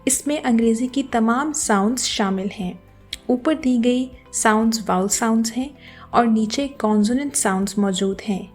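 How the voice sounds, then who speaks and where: Woman, pronunciation teacher, scripted lesson, clear careful demonstrations, higher voice. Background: soft background music.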